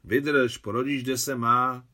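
A man voicing a brisk, bossy young woman who chatters and gives orders to a friend. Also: mid-range voice, steady tone, sharp tone. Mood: encouraging. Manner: chattering, commanding.

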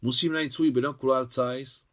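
A man's voice: medium pitch, steady tone, pitched above the performer's own voice, close to an everyday voice. A man reading the lines of an older émigré woman in an audiobook, his voice lifted and exclamatory. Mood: brisk.

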